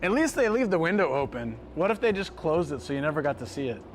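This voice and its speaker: Animated man livestreaming, fairly high voice. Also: fast, a little hiss or hum. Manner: animated, exclamatory, repeats phrases for emphasis. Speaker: livestream host. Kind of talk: casual live chat to viewers. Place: outdoors by street vending machines in a city.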